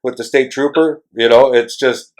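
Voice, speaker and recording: Hosting a laid-back podcast chat with a travel writer, this man speaks at a moderate pace in a medium-pitched voice with fairly even intonation. His questions are long and take a while to arrive, as he wanders and hesitates along the way.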